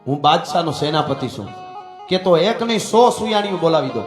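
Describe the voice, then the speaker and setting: A man voicing a commanding male army general who calls out in loud, ringing orders. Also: fairly high pitch, expressive, fairly quick, lightly acted. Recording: echoey hall with faint music.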